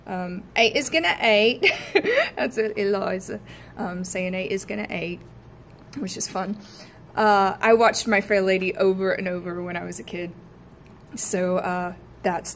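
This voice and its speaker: A woman's voice: mid-range voice, a little hiss or hum. A woman acting student thinking aloud about accent work, chatty and casual, with many fillers and short sound demonstrations. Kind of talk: casual spoken practice notes.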